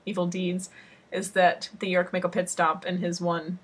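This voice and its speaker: A woman's voice: on the low side, level tone, moderate pace, breathy edge. A woman co-hosting a casual podcast, chatting about a book and thinking aloud with fillers. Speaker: podcast co-host.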